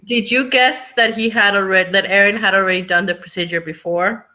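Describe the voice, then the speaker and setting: A woman's voice: medium pitch, fairly even intonation, brisk, pushed and bright. A woman hosting a live online book discussion, chatting casually and rambling with lots of "like.". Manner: chatty, rambling, says "like" a lot. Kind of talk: casual chat.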